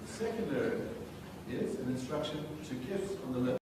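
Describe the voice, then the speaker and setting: Very husky male questioner. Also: on the high side, expressive, fairly quick, darkish tone, a faint crowd, rough recording. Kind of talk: formal questioning.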